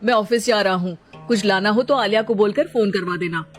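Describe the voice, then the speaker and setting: Woman voicing a mild, coaxing young husband; mid pitch, faint music bed. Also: brisk, lightly acted. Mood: calm. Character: caring young husband and son. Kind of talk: voiced storybook drama.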